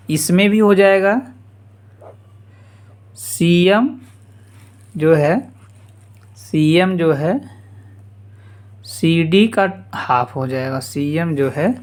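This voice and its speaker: Slow, casual math teacher. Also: male voice, on the high side. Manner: casual, repeats steps, calls listeners "yaar". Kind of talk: blackboard geometry lesson.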